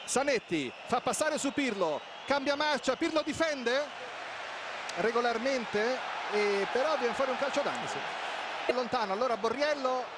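A man giving urgent, excited football play-by-play commentary in clipped phrases, calling out players as the action unfolds. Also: very high voice, moderate pace. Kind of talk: Italian football commentary, rising to excited goal calls. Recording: loud stadium crowd noise behind voice. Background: stadium crowd noise.

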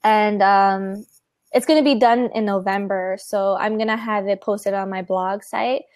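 A woman's voice: mid-range voice, steady tone, measured pace, no room sound, studio quality. A young woman talking casually as a guest in a live-streamed discussion, with frequent filler words. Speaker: guest panelist. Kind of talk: casual chat.

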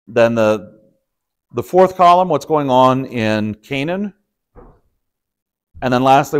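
Man, pastor, relaxed Bible study teacher, conversational, halting with ums and restarts, mid pitch. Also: smooth. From Texas. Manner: conversational, explanatory, with frequent fillers and restarts. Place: church study room.

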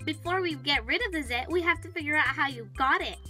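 Performer as a teasing long-eared toy bunny, squeaky high voice, music underneath. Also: fast, pushed and bright. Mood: calm. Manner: teasing, sly. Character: cheeky teasing toy rabbit with long ears. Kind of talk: toy stop-motion voice acting.

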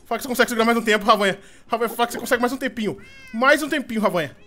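A man with a Brazilian accent hosting a gaming channel, chatting excitedly with friends during play and repeating words in rapid bursts. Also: extremely high pitch, a little hiss or hum. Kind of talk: excited gameplay chat with friends.

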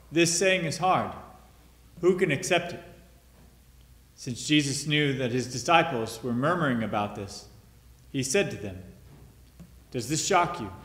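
A priest reading the Gospel aloud at Mass in a measured, formal way, his voice carrying a cathedral echo in a large church. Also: medium pitch, fairly bright tone.

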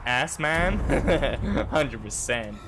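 A man streaming a video game, giving casual, crude commentary with goofy loud outbursts. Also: mid-range voice, big pitch swings, very slow, noisy background.

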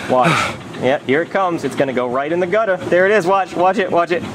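A man's voice: a little high, steady tone, brisk. Man doing a brash trash-talking puppet. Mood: taunting. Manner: boastful, taunting, loud. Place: indoor bowling alley. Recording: noisy room.

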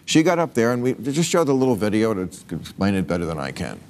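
Low-voiced male talk show host. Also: sing-song, fast talker, darkish tone. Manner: emphatic and argumentative. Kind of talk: panel discussion.

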